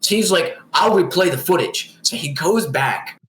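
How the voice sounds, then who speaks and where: A man's voice: fairly high pitch, lively intonation, moderate pace, a bit bright, slight background noise. A young man on a podcast, telling stories in a rambling, casual way, leaning heavily on "like". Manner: rambling storytelling, heavy use of "like". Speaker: podcast co-host. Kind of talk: casual chat. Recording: roomy echo.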